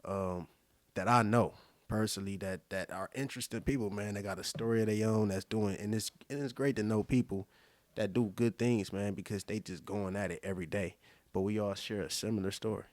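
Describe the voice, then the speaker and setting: A man in his twenties hosting a podcast, talking in a relaxed, reflective way and tagging lines with "you know what I'm saying". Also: on the low side, brisk, no echo. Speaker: podcast host. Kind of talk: casual chat.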